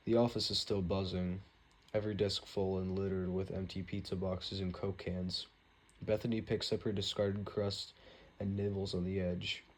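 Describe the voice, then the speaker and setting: Young male amateur audiobook reader, low pitch, plain delivery with the odd stumble. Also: level tone, normal speed. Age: young adult. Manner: plain reading, with occasional stumbles and restarts.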